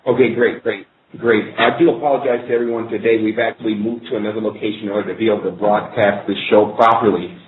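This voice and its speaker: A low-voiced man hosts a live internet radio show from an office in a corporate building. He rambles loosely as he works through technical hitches. The sound is tinny like a phone line and echoes around the room. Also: fairly even intonation, quick pace, hardly any pauses. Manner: loose, rambling, fixes technical issues on air.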